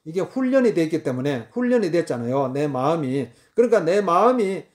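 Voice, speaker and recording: A man's voice: fairly high pitch, big pitch swings, fairly quick, darkish tone. A man preaching a sermon in an emphatic, repetitive way, full of fillers and restarts.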